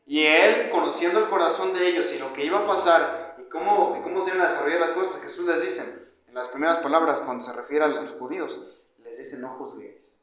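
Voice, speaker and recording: A man's voice: fairly high pitch, fairly quick. Man preaching in an echoey church. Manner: conversational preaching, addresses listeners as brothers, swings from loud to soft. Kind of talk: sermon. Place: church hall. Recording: echoey church, dull lo-fi sound.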